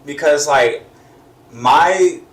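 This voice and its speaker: A young adult man hosting a casual interview, loud and excitable, swearing a lot and throwing in "yo". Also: a little high, drawn-out words. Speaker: host. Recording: roomy, distant mic, faint noise.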